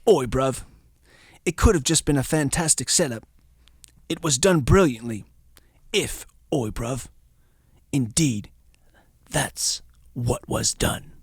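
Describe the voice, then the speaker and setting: A man's voice: sits high, lively intonation, normal speed, fairly bright tone, no room sound, voice pushed up. A man voicing a brash middle-aged British businessman with exaggerated cockney-style bluster.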